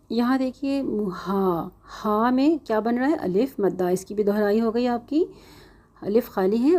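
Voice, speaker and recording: A woman teaching Quran recitation in a patient, step-by-step way, often checking in with her students and drawing out model syllables slowly. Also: medium pitch, mellow. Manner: patient, repeats "ٹھیک ہے نا" often, slow drawn-out model syllables. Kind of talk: recorded tajweed lesson.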